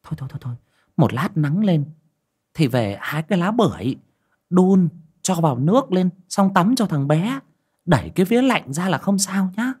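Brief: flustered old village woman done by a male narrator, raised pitch, loud exclaiming. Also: sing-song, normal speed, husky, full character voice. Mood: flustered fussing. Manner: fussy, exclaiming, stammering when scared. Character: flustered older village woman, fussing and fearful.

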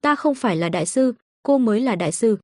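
Aloof young mystic woman, cool and curt, unhurried, dry close sound, as a narrator puts her on. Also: on the high side, animated, no echo. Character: calm young female master of the occult, cool and aloof.

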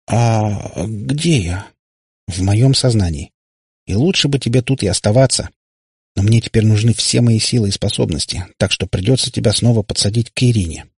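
Casting: grumbling short-fused man, husky and low, read by a male narrator. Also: dry recording, clean studio sound. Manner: gruff, grumbling. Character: grumpy hot-tempered man, quick to soften.

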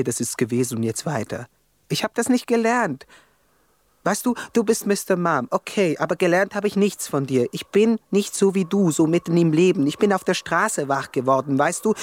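A man's voice: on the high side, dry recording, clean studio sound. An actor playing a young male rapper on death row, telling his story in a profane, agitated radio-play monologue. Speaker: narrator of his own story.

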